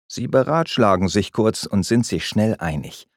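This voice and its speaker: Guy reading a kids story, lowish voice, lots of melody, dry close mic. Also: normal speed, no echo. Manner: gentle, expressive storytelling. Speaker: narrator.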